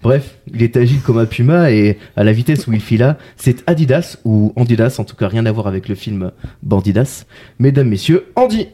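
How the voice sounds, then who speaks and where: A man's voice: medium pitch, a little fast, warm tone. A man hosting a casual podcast, introducing guests with playful puns and wordplay. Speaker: podcast host. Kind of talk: casual chat.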